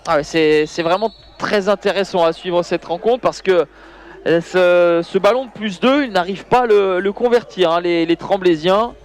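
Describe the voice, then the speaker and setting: A man with a high-pitched voice calls handball highlights as a live commentator. His delivery is excitable and surges when the play heats up. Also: normal speed. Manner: excitable, voice surging on big plays. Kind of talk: live sports commentary over match highlights.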